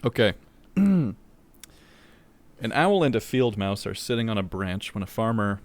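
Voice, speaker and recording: A man's voice: lowish voice, big pitch swings, unhurried. A man on a casual podcast, reading jokes aloud to friends with laughing asides.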